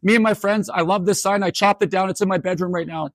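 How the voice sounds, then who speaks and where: A woman's voice: medium pitch, steady tone, quick pace, no echo, clean studio sound, voice pushed up, close to an everyday voice. A man voicing a young female university student who keeps apologizing and pleading insistently. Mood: apologetic. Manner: pleading, repeats herself.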